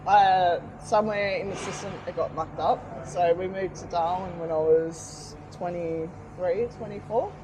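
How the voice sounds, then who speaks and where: A woman in her forties with an Australian accent, chatting casually about riding, slangy and quick to laugh. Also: fairly low pitch, crowd noise, poor audio. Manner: laid-back, slangy, laughs often. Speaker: podcast guest, motorcycle rider. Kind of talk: casual chat.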